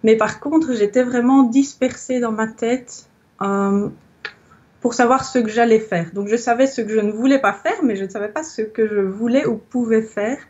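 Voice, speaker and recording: In a recorded testimonial conversation, a woman in her thirties from Belgium, who teaches yoga, reflects thoughtfully and pauses to find the right words. She speaks at normal speed in a highish, slightly mellow voice, with the high frequencies cut off.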